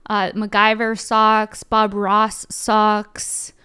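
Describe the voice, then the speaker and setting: A woman's voice: mid-range voice, completely flat delivery, extremely slow, bright, forceful tone, clear, resonant tone. A young woman hosting a podcast, reading her intro and a sponsor ad in a playful, jokey, upbeat way. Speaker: podcast host.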